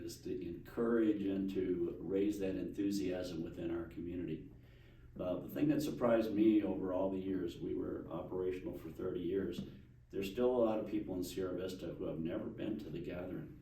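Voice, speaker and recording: A man with a deep, dark voice chats casually as an interview guest about organizing gatherings and events. The recording is roomy, with a distant mic and faint noise.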